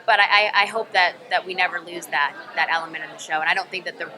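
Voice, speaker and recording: Over poor audio and background crowd chatter, a young woman actor gives press room answers at a busy convention. Her voice is fairly low, steady in tone, and fast, yet she muses and rambles, filling gaps with many ums.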